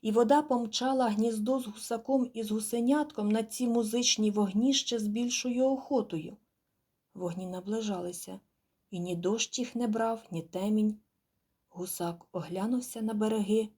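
A woman narrating an audiobook in a measured, quiet, expressive storytelling manner. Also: mid-range voice, husky. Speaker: audiobook reader. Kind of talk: scripted narration.

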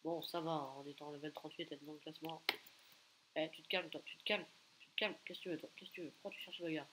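Talking fast in a voice on the high side, a gaming content creator narrates his play live, bursting into loud excitement, mocking other players, and repeating exclamations over and over. The poor audio has a faint hiss beneath it.

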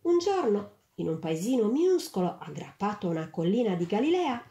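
A woman reading a storybook aloud in an expressive, lively way, in a roomy space. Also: mid-range voice, brisk. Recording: roomy echo.

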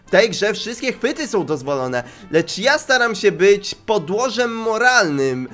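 A man's voice: high-pitched, very animated, a little slow, a bit bright, faint music behind, heavily acted. A man voicing an evil green bear overseer. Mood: stern. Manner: threatening, lecturing. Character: green evil copycat teddy bear, male, stern game overseer. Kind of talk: voicing game text.

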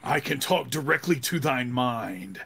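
A man's voice: medium pitch, animated, a little slow, crowd noise. A man playing an earnest, cautious fantasy warrior who speaks in formal thee-and-thou style in a tabletop game. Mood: earnest, wary. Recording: clear music bed.

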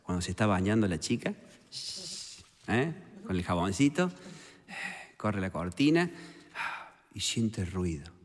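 A man's voice: low-pitched, sing-song, unhurried, long pauses, in a large hall. A man from Córdoba, Argentina, with a Cordobés accent, doing a stand-up routine in a chatty joke-telling way full of little "viste" and "eh" tags. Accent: Cordobés Argentine Spanish. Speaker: stand-up comedian.

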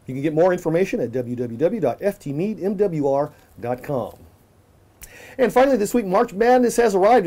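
A man's voice: high-pitched, dark tone. A middle-aged man hosting a local news show, reading his script in an upbeat way from a small office.

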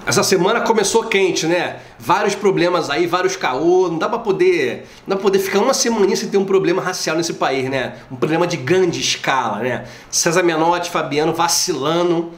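A man in his forties speaking Rio de Janeiro Portuguese chats to a camera placed close by in his living room, giving slangy, animated opinions and stories and imitating quoted voices. His voice is on the high side, his pace a little fast with few pauses, and the room adds a noticeable echo.

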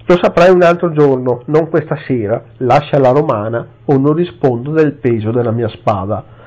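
Male reader playing a proud warrior of ancient Carthage: raised, forceful, scornful voice, warm low tone, lo-fi. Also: moderate pace, lightly acted. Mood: defiant. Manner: disdainful, commanding shouts. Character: fierce proud Carthaginian warrior, tall, defiant. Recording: slightly dull lo-fi recording.

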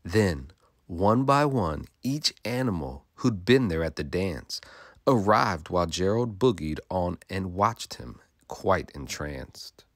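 A man's voice: low voice, lively intonation, slow pace, dry recording, studio quality. A male teacher reading a rhyming picture book aloud to children in a sing-song way, stopping to ask them questions.

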